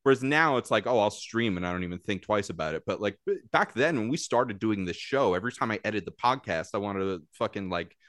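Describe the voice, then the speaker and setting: A man's voice: on the low side, expressive, quick pace, few pauses, fairly bright tone, no room sound, clean studio sound. Chatty man with a nasal host voice. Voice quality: nasal, upbeat presentation voice. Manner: loose and chatty, swears casually. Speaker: podcast host. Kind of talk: casual chat.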